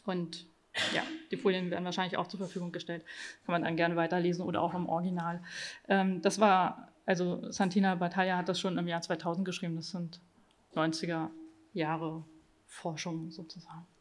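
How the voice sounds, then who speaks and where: A woman presenting her own research in an academic talk, reading from slides and often pausing on filler sounds. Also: fairly low pitch, level tone. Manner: hesitant, frequent filler sounds between phrases.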